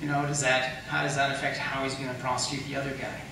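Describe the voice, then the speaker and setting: Speaking quickly in a mid-range voice with flat delivery, a man who is a candidate for county attorney argues a rebuttal at a political debate. He lays out his points step by step and poses questions. A distant mic records him in a large, echoey public debate room with faint noise.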